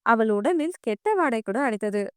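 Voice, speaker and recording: A woman's voice: fairly high pitch, expressive, moderate pace, clean tone, dry recording, clean studio sound. A woman narrating an audio novel in a dramatic storytelling manner.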